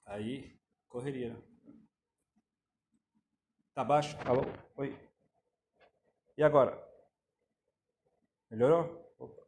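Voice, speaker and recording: A man's voice: mid-range voice, slow pace, long pauses, darkish tone. A man hosting a casual live stream from his phone, greeting viewers and checking the sound. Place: room with air conditioning. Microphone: phone camera. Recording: roomy phone recording with faint room noise. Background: air conditioner hum.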